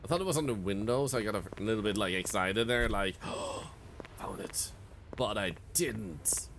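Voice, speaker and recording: A man doing live gameplay commentary as a streamer, excitable, laughing often and yelping at sudden scares. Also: fairly low pitch, brisk, background noise. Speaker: streamer playing a horror game.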